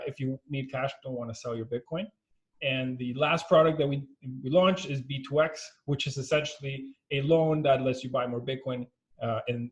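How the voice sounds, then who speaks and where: A man in his thirties from Venezuela, a company founder, explaining things in a measured way as an interview guest over a video call. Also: medium pitch. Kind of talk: casual interview.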